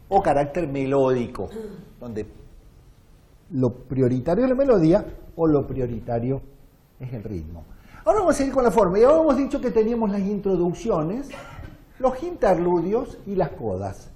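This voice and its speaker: A man's voice: high voice, warm tone. A man with an Argentine accent giving a music lecture, demonstrating examples and often asking the audience questions. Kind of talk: lecture with sung and recited examples. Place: lecture hall.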